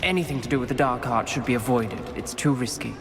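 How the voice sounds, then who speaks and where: An actor playing a wary, firm teenage schoolboy wizard in a video game. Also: male voice, medium pitch, fast, natural voice. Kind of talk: video game dialogue acting. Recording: long reverb under music.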